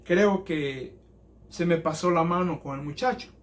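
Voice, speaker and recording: A man's voice: fairly high pitch, a little slow, lightly acted. A man voicing a tired, short-tempered working father in a told story, scolding his son. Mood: regretful. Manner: scolding, then apologetic.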